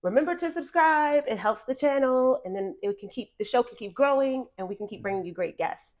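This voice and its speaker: A woman's voice: high-pitched, lively intonation, a little fast. A woman hosting an interview show, talking casually and laughing often between her lines. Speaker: podcast host.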